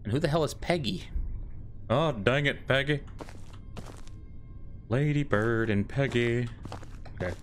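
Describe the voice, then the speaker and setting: A man's voice: mid-range voice, measured pace, long pauses, a little hiss or hum. A man in his thirties giving scared, joking, sweary commentary as he streams a horror game, on a close mic. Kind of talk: casual gameplay commentary with swearing.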